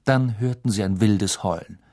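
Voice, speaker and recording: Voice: low voice, moderate pace, mellow. An audiobook narrator reading a novel in a dramatic storytelling manner. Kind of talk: scripted narration.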